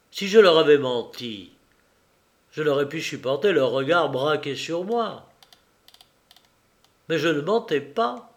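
A man reading a first-person novel aloud as an audiobook narrator, in a measured, deliberate way. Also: medium pitch.

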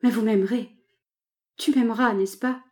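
A woman's voice: fairly high pitch, steady tone, moderate pace, darkish tone, close to an everyday voice. A woman voicing a desperate, passionate courtesan. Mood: pleading, frightened. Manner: pleading, emotional delivery. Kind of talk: audiobook dialogue reading.

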